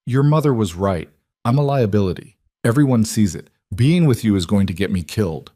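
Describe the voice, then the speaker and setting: A man's voice: lowish voice, expressive, fairly quick, warm tone, dry recording, studio quality. A man voicing a frightened young woman caught in mob danger, pleading and tearful, in an audiobook character reading.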